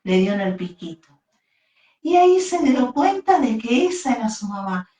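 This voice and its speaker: A woman with a Rioplatense accent, a yoga teacher trainer, telling a children's story in a slow, sing-song voice and leading breathing exercises. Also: on the high side, sing-song, mellow. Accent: Rioplatense Spanish. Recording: echoey room.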